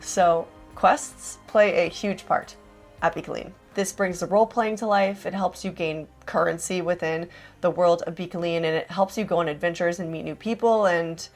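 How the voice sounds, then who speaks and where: A woman's voice: fairly low pitch, fairly even intonation, normal speed, soft background music. A young adult woman narrating a casual vlog in a chatty, enthusiastic way, with lots of "like". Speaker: vlogger host.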